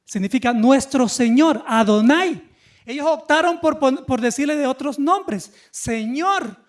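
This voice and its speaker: A male pastor with a very high-pitched voice preaches a Sunday sermon, teaching in a lively way and putting questions to the congregation.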